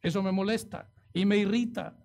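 A man's voice: sits high, fairly even intonation, moderate pace, gravelly, darkish tone. A man preaching a sermon, acting out the pleas in the story and asking the congregation rhetorical questions. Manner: dramatic, acts out quoted pleas, rhetorical questions.

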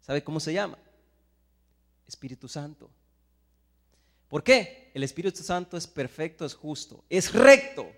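A man from El Salvador with a Salvadoran Spanish accent, preaching a sermon, swinging between hushed asides and loud emphatic Bible readings. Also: a little high, animated, a little slow, long pauses, long reverb tail.

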